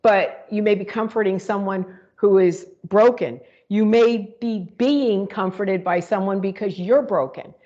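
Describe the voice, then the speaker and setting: Woman co-host, casual spiritual chat, meandering and reflective, full of restarts; medium pitch, dull recording. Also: measured pace, few pauses, dark tone. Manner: rambling, reflective, with many fillers and restarts. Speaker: co-host of a spiritual talk show.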